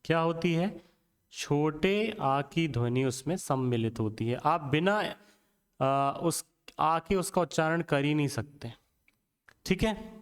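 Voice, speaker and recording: A man giving an exam-prep grammar lecture, explaining slowly and sounding out letters one at a time while asking and answering his own questions. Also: on the high side, lively intonation, smooth, in a large hall. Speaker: teacher.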